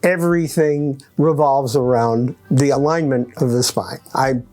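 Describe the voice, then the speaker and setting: A man in his eighties giving a testimonial interview as a chiropractic patient. He talks haltingly with many restarts and lists his points by number. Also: medium pitch, darkish tone, faint music behind. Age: 80s.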